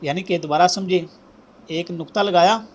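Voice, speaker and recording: A man speaks in a high, light voice as he gives a handwriting lesson. He explains each stroke step by step as he writes it. He often calls out to his students to check they are following. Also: fairly even intonation, moderate pace, darkish tone. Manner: step-by-step instruction, often says "ठीक है जी" and calls out "students". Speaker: teacher.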